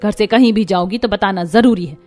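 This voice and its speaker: Woman as a stern mother-in-law, firm, scolding, higher voice, faint music, cartoon. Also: big pitch swings, a little fast. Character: strict caring middle-aged mother-in-law.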